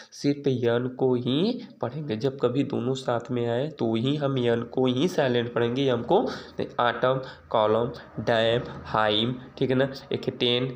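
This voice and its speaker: In a relaxed classroom-style lesson, this teacher speaks in a mid-range voice with a darkish tone. Patient with his students, he repeats his tag questions often and writes on a board or page while he explains.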